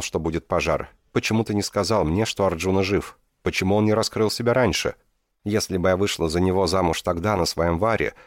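A man's voice: low voice, no room sound, clean studio sound, pitched above the performer's own voice, natural voice. A man voicing a proud, wounded young queen who cuts in with bitter, raised retorts.

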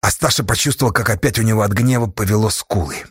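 A man narrating an audiobook in a measured, steady way. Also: on the low side, slightly rough, dry recording, clean studio sound. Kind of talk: scripted narration.

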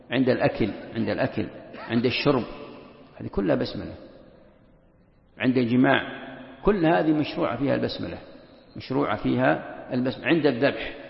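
A man's voice: mid-range voice, creaky. A man who is an Islamic scholar, teaching a classroom lesson, repeating key phrases and asking and answering his own questions. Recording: echoey, dull lo-fi hall recording.

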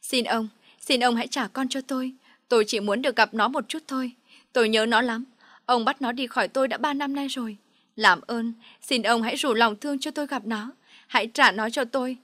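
A woman's voice: fairly high pitch, fairly even intonation, normal speed, a bit bright, no room sound, clean studio sound. A woman voicing a desperate young mother who begs through tears. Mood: pleading. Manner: begging, sobbing pleas.

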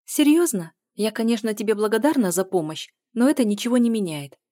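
A woman voicing a sharp-tongued young mother who speaks in a raised, cutting, indignant tone in an audiobook. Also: fairly high pitch, animated, brisk, no room sound, studio quality, pitched above the performer's own voice, lightly acted. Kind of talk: audiobook dialogue reading.

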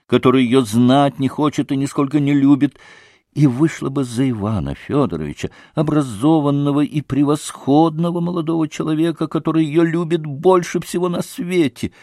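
A man voicing an excitable middle-aged society lady who talks effusively and breathlessly. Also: a little high, normal speed, no room sound, studio quality, lightly acted. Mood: gushing. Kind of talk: audiobook character voice.

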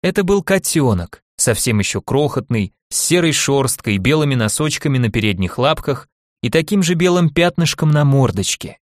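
A male audiobook narrator telling the story in the first person at an even pace. His voice sits at an ordinary pitch, and the recording is dry and close. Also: moderate pace, dry recording.

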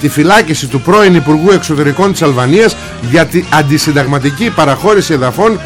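A man's voice: fairly high pitch, animated, faint music behind. A male talk show host giving satirical political commentary, sarcastic and blunt, with crude jabs.

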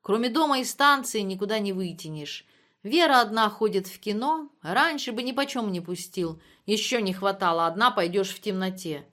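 A woman reading literary prose as an audiobook narrator, measured and subdued. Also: medium pitch, expressive, fairly bright tone.

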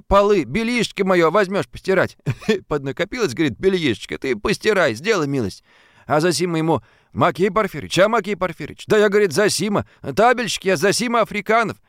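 Man doing a fawning young fibber, audiobook, eager, high, animated. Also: no room sound, studio quality. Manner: ingratiating, excitable storytelling. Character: eager, fawning young male factory worker who loves to fib. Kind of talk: audiobook character voice.

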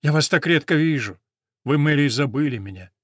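Brief: glum, shaggy male yard dog, read by a man, flat delivery, storybook. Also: a little high, a little fast, dry recording, clean studio sound. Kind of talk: storybook reading.

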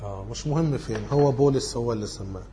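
A man's voice: medium pitch, quick pace, dark tone, a little hiss or hum. A man with an Egyptian Arabic accent giving an informal lecture, working through study questions and thinking aloud as he corrects himself.

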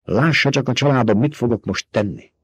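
A man's voice: medium pitch, slightly rough, dry recording, lightly acted. Feyd-Rautha, a man reading a gloating young noble. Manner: cold, gloating inner voice. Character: cunning, arrogant young male noble fighter.

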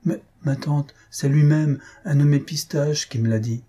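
A man's voice: a little high, fairly even intonation, measured pace, mellow. A man reading aloud, voicing a carefree young nephew who teases and cajoles his aunt. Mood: arguing. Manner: cajoling, flippant.

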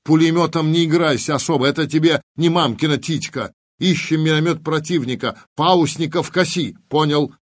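A man voicing a gruff older soldier who shouts crude, commanding orders in an audiobook. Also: on the high side, moderate pace, dry recording, clean studio sound, voice pushed up, lightly acted. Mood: shouting.

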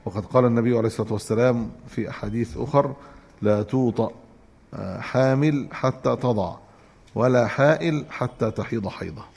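A man with an Egyptian Arabic accent giving a religious lesson, reading a text aloud and explaining it in a measured way. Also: mid-range voice, gravelly, a little mellow, husky, in a large hall. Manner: measured, explanatory, restarts to correct himself. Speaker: Islamic scholar teaching hadith.

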